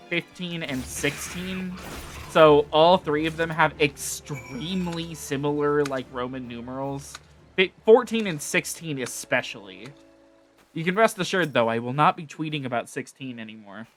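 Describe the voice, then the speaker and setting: A man's voice: on the high side, animated, unhurried, a bit bright, soft background music. A man streaming a game, giving casual, wry commentary with self-correcting asides.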